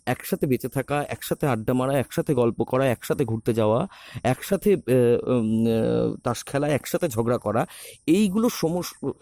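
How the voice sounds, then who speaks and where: Halting, reflective man on a phone mic. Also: medium pitch, animated, mellow, dry recording, clean studio sound. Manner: halting, reflective, many fillers and restarts. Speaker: theatre director and actor. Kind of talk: recorded talk on a podcast.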